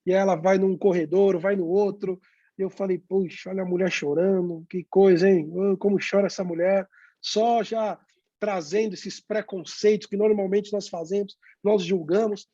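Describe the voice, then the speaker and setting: A man's voice: sits high, fairly even intonation, dark tone, no echo, lo-fi sound. A man, a pastor, telling stories of sharing his faith and acting out the conversations. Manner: storytelling, acts out dialogue, pauses with "né?". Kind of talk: testimony in a youth talk.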